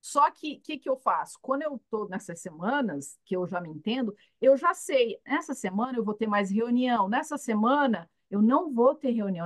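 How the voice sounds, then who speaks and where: Over a video call, a woman hosts a live online Q&A for women, chatting casually and with animation. She often acts out little dialogues and checks in with "entendeu?". Her voice is high and somewhat bright, recorded dry.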